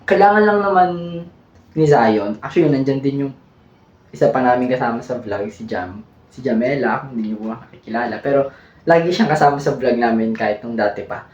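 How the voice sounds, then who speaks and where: A man's voice: mid-range voice, brisk, darkish tone, dull audio. A man with a Filipino accent hosting a vlog, teasing and playful, laughing at his own jokes. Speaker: vlogger host. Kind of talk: casual joking vlog chat.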